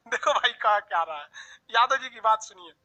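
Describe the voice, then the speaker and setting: Teacher guy drilling map lists, super bright sharp voice, tinny stream sound. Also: high voice, lively intonation. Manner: brisk drilling, calls students "babu", joking asides. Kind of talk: online map lesson, reading viewer comments.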